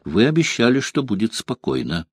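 A man's voice: on the low side, very animated, normal speed, slightly rough, no echo, studio quality. A man voicing a fussy, nervous male innkeeper.

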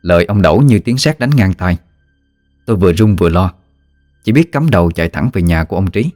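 Deep male storyteller, measured ghost-story read, dry booth sound. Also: animated, a little mellow, no room sound, faint music behind. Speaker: narrator.

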